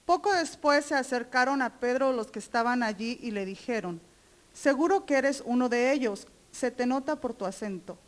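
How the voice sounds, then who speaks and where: A woman reading Bible verses aloud during a sermon, steady and careful. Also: a little high, normal speed. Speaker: scripture reader.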